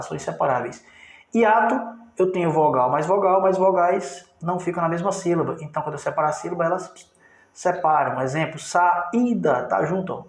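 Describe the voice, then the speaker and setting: A man's voice: fairly high pitch, creaky, reverberant. A man from Brazil teaching a grammar review lesson, explaining step by step and often checking in with his listeners.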